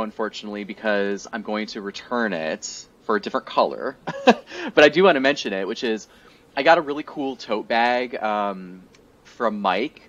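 A man in his thirties co-hosts a casual podcast over a video call from a room at home, chatty, laughing often, and a little congested. His voice is on the low side and a bit bright, heard through a headset as muffled, lo-fi call audio.

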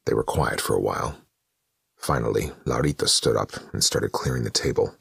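A man narrating an audiobook in a measured storytelling manner. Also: extremely low pitch, gravelly, a bit bright, breathy edge, no room sound, clean studio sound. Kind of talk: scripted narration.

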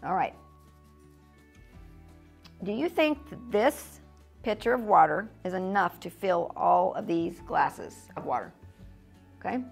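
Middle-aged American woman, children's ministry teacher; husky, informal, chatty classroom delivery, soft music behind. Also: on the low side, expressive, measured pace, pauses often. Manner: chatty, informal, laughs easily. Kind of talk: casual teaching demonstration. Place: church classroom, indoors. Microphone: fixed camera, mid distance.

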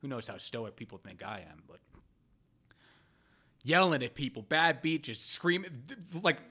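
Blunt, profane man with a bright voice. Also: a little slow. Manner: blunt, profane, animated with swings between loud bursts and low mutters. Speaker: poker player vlogger. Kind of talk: casual storytelling monologue.

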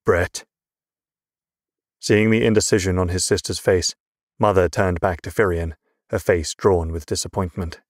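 A man reading a fantasy audiobook in a measured, even storytelling voice. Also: deep voice, no echo, studio quality. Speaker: audiobook narrator. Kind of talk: scripted narration.

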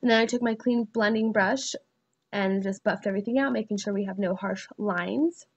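A woman's voice: mid-range voice, moderate pace, husky, dull audio. Stuffy-nosed woman, casual makeup voice-over. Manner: casual, chatty, many fillers. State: stuffy, nasal from a cold. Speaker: beauty vlogger.

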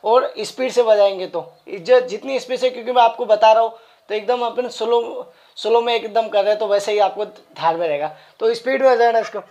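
Quick-talking male flute teacher. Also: high-pitched, darkish tone, a little hiss or hum. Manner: chatty, quick explanations between sung note syllables. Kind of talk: casual music tutorial.

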